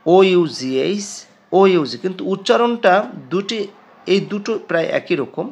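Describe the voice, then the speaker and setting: Male teacher, Bengali accent, slow emphatic drilling, gravelly, lively pitch. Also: muffled recording. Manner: slow, emphatic word-by-word drilling, addressing students directly. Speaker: English teacher. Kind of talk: classroom lesson explaining English pronunciation.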